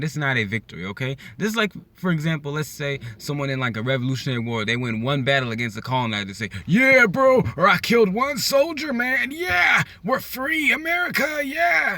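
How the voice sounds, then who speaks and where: A young man with a bright, forceful voice rants on his vlog. He talks in an animated, slangy, repetitive way and keeps asking "okay?" He sits at a mid pitch for a man. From California. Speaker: YouTuber vlogging his opinion. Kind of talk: casual opinion vlog rant.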